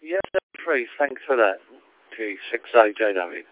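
A man from England answering a call over a fading amateur radio transmission, talking quickly and casually with fillers. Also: lowish voice, animated, no room sound. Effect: fading, thin amateur radio transmission. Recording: tinny radio line, dry.

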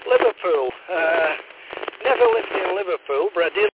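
A friendly man in his sixties from Wigan, chatting over amateur radio with a fairly high voice for a man. He talks easily and hands back the turn politely. The sound is thin and phone-like, with clear static under it. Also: wildly swooping pitch, normal speed. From Wigan, England. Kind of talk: casual radio chat. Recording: tinny radio link with static.

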